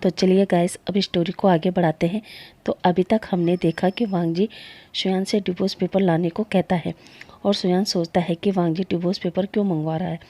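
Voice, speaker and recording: A woman hosting a storytelling channel, retelling a fan story in a steady, conversational narration. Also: lowish voice, a little fast.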